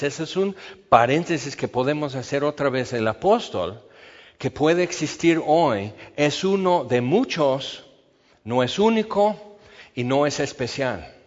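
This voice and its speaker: A man preaching an expository Bible sermon, teaching in a measured way and slowing down to stress his points. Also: mid-range voice. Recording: long reverb, dull lo-fi sound.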